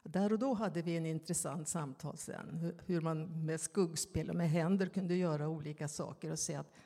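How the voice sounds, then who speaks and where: A woman preaching a sermon, slow and reflective, with pauses and questions put to her listeners. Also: sits low, dark tone, big-room sound. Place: church.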